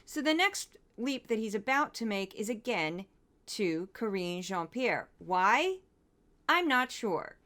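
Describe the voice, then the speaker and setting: A woman's voice: medium pitch, sing-song, slow, a bit bright. A woman hosting a commentary show, breaking down news clips in a wry, exasperated, conversational way.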